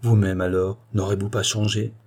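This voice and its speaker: A man's voice: lowish voice, flat delivery, normal speed, a little mellow, husky. A man reading an audiobook, voicing an earnest, impassioned young man in love who is making vows. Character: ardent young man in love, late twenties.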